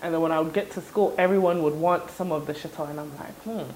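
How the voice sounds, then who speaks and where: A young woman from Ghana, raised in the States, telling her story as an entrepreneur in a relaxed, chatty interview with fillers. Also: deep voice, quick pace, a little hiss or hum, poor audio. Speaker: entrepreneur guest. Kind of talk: interview conversation.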